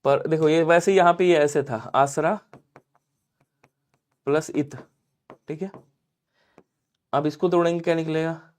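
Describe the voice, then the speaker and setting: A man with a fairly high voice teaches an exam-prep Hindi lesson. He chants example sentences and answers for his students in an animated way, checking in with quick tag questions as he goes. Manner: talks to viewers directly with tag questions.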